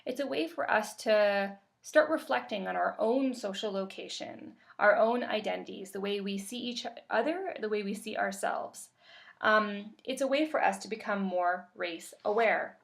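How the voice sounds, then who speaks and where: Woman, from Canada, webinar presenter, slightly gravelly, calm measured delivery. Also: medium pitch. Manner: calm, measured explanatory delivery with occasional fillers. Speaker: workshop facilitator.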